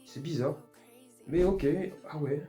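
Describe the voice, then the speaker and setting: A man's voice: fairly high pitch, takes it slowly, over music. A man casually reacting to artworks, thinking aloud and sounding amused as he discovers each one. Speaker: art vlogger.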